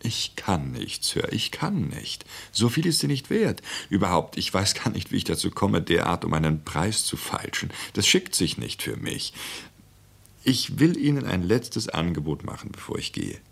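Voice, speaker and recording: A man doing a smooth, sly fake parson. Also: sits low, expressive, moderate pace, exaggerated voice. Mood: wheedling. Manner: smooth, falsely modest, haggling. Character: wily, ingratiating middle-aged male antique dealer posing as a clergyman. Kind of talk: radio drama reading.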